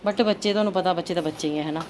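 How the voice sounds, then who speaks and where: A woman with a fairly low voice talks through her day in a casual home vlog. She is chatty and keeps turning to her viewers for agreement. The handheld recording carries plenty of noise behind her. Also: racing, darkish tone. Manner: chatty, addresses viewers with frequent tag questions. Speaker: home vlogger and mother. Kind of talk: casual daily-routine vlog chat. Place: around the house, partly outdoors.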